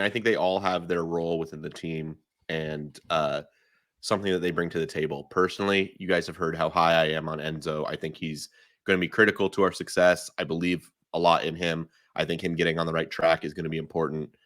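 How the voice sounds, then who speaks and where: A man's voice: sits low, fairly bright tone, no echo, studio quality. A man giving emphatic, opinionated takes as a guest in a casual podcast chat, often restarting his sentences. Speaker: guest analyst.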